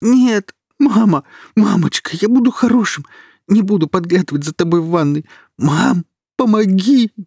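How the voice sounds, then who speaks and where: A man voicing a young male killer sinking in quicksand, shouting and begging in a husky voice. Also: high-pitched, expressive, no echo, clean studio sound, voice pushed up, heavily acted. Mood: sobbing. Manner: shouting, begging, then whimpering like a child. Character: young man, trapped killer, panicking and vicious.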